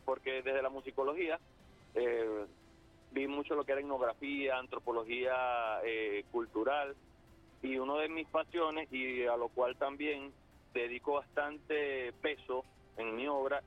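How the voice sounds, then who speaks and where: Over a muffled phone line, a muralist with a Zulian Venezuelan accent speaks as an interview guest, his medium-pitched voice moving at a measured pace. He sounds hesitant and fills his talk with fillers, while soft music plays behind him.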